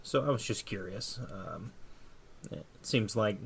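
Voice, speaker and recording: A courteous male rogue traveler from a tabletop game asks his questions with a hesitant, halting manner, as a man plays him in his own voice. The voice sits low and gravelly. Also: expressive, a little hiss or hum. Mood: curious. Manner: hesitant, lots of ums.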